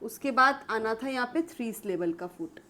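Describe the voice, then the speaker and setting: A young woman teaching English literature in a patient classroom-style lecture, slowly reading English definitions and explaining them. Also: a little high, expressive, bright, forceful tone. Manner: explains patiently, calls students "beta", slow English read-outs.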